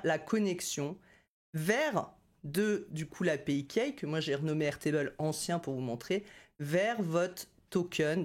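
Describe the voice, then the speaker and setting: Chatty woman explaining software. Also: on the low side. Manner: chatty, filler-heavy, addresses viewers directly. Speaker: no-code trainer, company director. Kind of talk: screen-recorded software tutorial.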